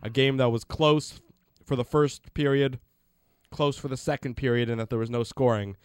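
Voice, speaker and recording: A man's voice: medium pitch, steady tone, moderate pace, clear, resonant tone, dry recording. Guy hosting sports radio, chatty, mid voice, dry close studio mic. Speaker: sports radio show host. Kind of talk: conversational sports talk radio.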